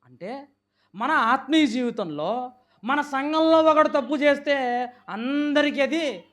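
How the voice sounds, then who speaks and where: A man delivers a sermon in a pleading, rhetorical style. He stacks question upon question and swings from raised, urgent lines to soft, hushed ones. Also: very high voice, animated, takes it slowly. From India. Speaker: preacher.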